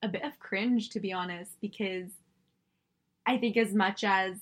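A woman's voice: medium pitch, measured pace. A woman from Singapore talking in a casual conversation as a co-host. She sounds reflective and fills her speech with "like". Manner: reflective, many "like" fillers. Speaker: podcast co-host.

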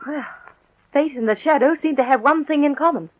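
An actress playing a detective's spirited female companion in an old-time radio drama, expressive and articulate. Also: sits high, a little fast, natural voice. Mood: curious, reflective. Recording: dull old radio recording.

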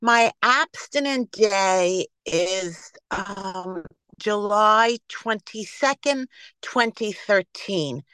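A woman in her seventies with a New York accent, sharing her personal story slowly on a video call, with restarts. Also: medium pitch, lively intonation, clear, resonant tone, dry recording, low-quality recording. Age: 70s. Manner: slow, warm-hearted, halting with restarts.

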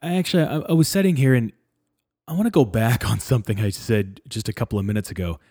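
A man's voice: mid-range voice, fast, warm tone, no room sound. Thoughtful man thinking aloud, dry sound. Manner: thinks aloud with restarts and self-corrections. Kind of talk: casual discussion.

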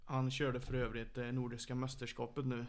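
A man who coaches MMA fighters, chatting casually on a podcast and telling stories by acting out what others said. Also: medium pitch. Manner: animated storyteller, quoting others.

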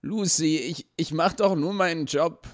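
A man's voice: on the high side, expressive, normal speed, no room sound, clean studio sound, voice pushed up. A man voicing a nervous masked male gatekeeper who stammers and pleads. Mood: pleading.

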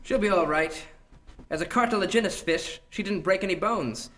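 A man voicing a tiny, earnest cuttlefish police detective in a comedic radio play, crisp and matter-of-fact. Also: sits high, moderate pace, sharp tone.

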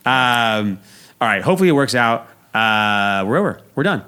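A man's voice: medium pitch, expressive, normal speed, bright, forceful tone, clear, resonant tone. An American man hosting a podcast in a casual, bantering chat style. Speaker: podcast host.

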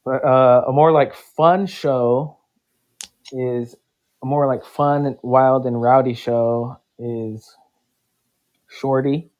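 A man talking casually with someone he has just met, at an ordinary pitch. He rambles, circles back and leans on filler words, keeping things loose and unpolished. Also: fairly even intonation, slow, pauses often, dull audio. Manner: rambling, filler-heavy, uses "like" a lot. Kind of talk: casual chat.

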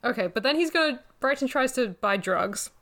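A woman with a higher voice talks about a novel with sarcastic, exasperated humor. She laughs often as she picks the book apart. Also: animated, moderate pace, fairly bright tone. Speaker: book club podcast co-host. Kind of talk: casual book discussion.

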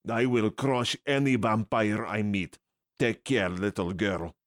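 Woman doing a gruff Russian vampire slayer. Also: a bass voice, fairly even intonation, slow, pitched below the performer's own voice. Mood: menacing blunt. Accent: put-on Russian. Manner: blunt broken English, menacing.

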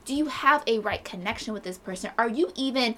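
Bright-voiced young woman, chatty podcast host. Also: fairly high pitch, a little fast, slight background noise. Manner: animated storytelling with frequent laughter and acted-out quotes. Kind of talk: casual chat.

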